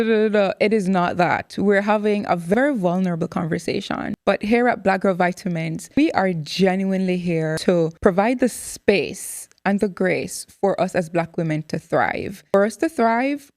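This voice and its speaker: Woman host, 30s, animated and expressive, dry close sound. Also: mid-range voice, dry recording. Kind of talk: candid interview chat.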